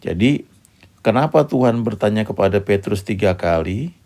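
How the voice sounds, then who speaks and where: A man's voice: on the low side, lively intonation, normal speed, a little mellow. A man preaching a sermon, explaining patiently and checking in with his listeners with little "ya" asides.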